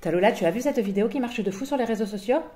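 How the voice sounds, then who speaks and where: A woman's voice: fairly high pitch, rapid-fire, mellow, close to an everyday voice. A woman playing a ditzy online energy healer in a comedy sketch, cooing, over-familiar and fake-soothing. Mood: gossipy.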